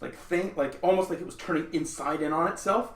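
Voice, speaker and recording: A man's voice: a little high, fairly quick. Distant rambling game master, a man. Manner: rambling, full of "like" fillers and restarts. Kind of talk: narrating a tabletop game. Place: indoors at a gaming table. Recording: echoey room, far from mic, light hiss.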